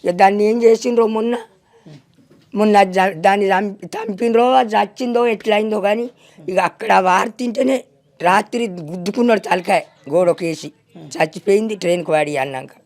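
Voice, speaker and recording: A woman's voice: mid-range voice, moderate pace, a little mellow. A middle-aged woman with a Telangana Telugu accent, weeping as she tells a reporter about her loss, often crying out to God and to her son. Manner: lamenting, repeats cries to God and her son. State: weeping and wailing. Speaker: grieving mother interviewed. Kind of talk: emotional interview testimony.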